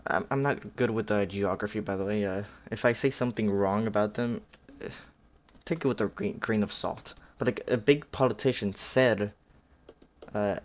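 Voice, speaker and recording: A reaction streamer with a voice on the low side talks at normal speed through dull audio. Reacting to a video, he's rambling and uncertain, full of fillers and self-corrections.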